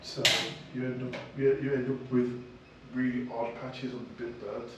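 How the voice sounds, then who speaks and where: A man's voice: medium pitch, little pitch movement, normal speed, highs cut off. A man casually giving a hands-on cooking demonstration, patiently encouraging and repeating his instructions. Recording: very echoey, distant mic, noisy surroundings.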